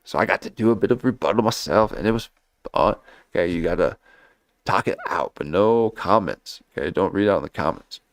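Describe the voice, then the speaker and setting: A man's voice: low voice, fairly quick, no echo, studio quality. A man hosting a casual reaction livestream, rambling loosely and tagging nearly every phrase with "okay?".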